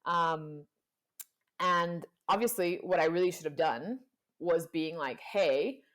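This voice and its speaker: This young woman takes it slowly, her fairly low voice a bit bright. A guest in a casual chat, she's from Panama and Colombia and tells a personal story full of "like" fillers, performing the quoted voices.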